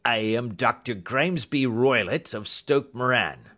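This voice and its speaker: A man's voice: mid-range voice, unhurried, pushed and bright, voice pushed up. A man voicing a huge, furious old country doctor, a snarling and threatening villain in a storybook reading. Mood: furious, menacing.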